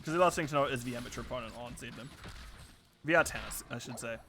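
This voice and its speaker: Excitable male esports caster, bright voice. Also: medium pitch, fast talker, slight background noise. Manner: excitable, chatty, laughs between calls. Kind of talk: live play-by-play commentary.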